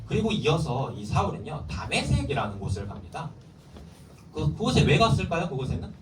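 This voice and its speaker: Lively, quizzing youth preacher in an echoey hall. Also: male voice, a little high, fairly quick, over loud music. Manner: lively, keeps quizzing the listeners. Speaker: youth pastor. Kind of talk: sermon to middle schoolers. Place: church hall. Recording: echoey hall, mic far off, faint ambience.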